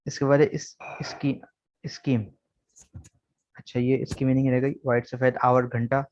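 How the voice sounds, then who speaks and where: A man's voice: medium pitch, little pitch movement, moderate pace, darkish tone. A man who teaches English in an online class, patiently spelling words letter by letter and repeating them. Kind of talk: online lesson. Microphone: video call. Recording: slightly dull video-call audio.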